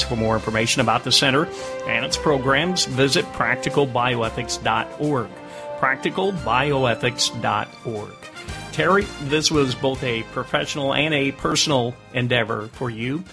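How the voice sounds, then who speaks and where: Polite male radio interviewer. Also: mid-range voice. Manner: measured, polite questioning. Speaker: interviewer host.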